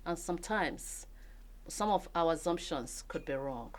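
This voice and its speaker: Measured woman hosting a radio interview. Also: sits low, lively intonation. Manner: measured, explains points to listeners. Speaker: radio show host. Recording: radio studio broadcast.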